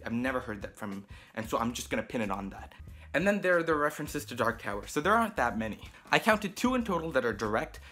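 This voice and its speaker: Teen boy reviewer, rambly and emphatic, middling pitch, faint music under him. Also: a bit bright. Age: teens. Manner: rambling, emphatic, restarts often. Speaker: book reviewer. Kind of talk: casual video review.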